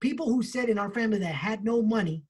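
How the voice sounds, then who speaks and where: A man co-hosting a book club, telling a personal story in an animated way with casual swearing. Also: sits high, quick pace, husky.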